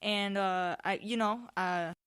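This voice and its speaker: A seventeen-year-old woman hosts a casual solo podcast, rambling informally, often cutting herself off and drifting into digressions. Her medium-pitched voice is smooth and a bit bright, fairly even in intonation and unhurried. She records with a tripod-mounted microphone.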